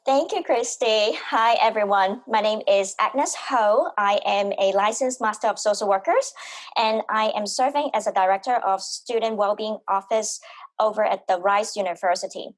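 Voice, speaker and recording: A woman's voice: mid-range voice, moderate pace, no room sound. Woman, earnest. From Hong Kong. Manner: earnest, frequent "you know" fillers. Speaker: university wellbeing director. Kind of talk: panel introduction. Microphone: video call.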